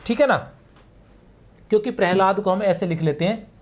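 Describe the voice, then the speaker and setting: A man's voice: sits high, moderate pace. A man teaching a grammar class for exam prep. He explains patiently, checks in with his students often, and draws out key words as he writes on the board. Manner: patient, repetitive explaining, frequent "theek hai na" checks.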